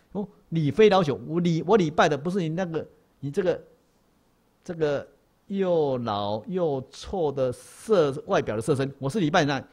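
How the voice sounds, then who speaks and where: A Buddhist monk gives a dharma lecture to a class, repeating key phrases and asking rhetorical questions. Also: male voice, a little high. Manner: repetitive and emphatic, poses rhetorical questions, often restarts. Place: lecture hall.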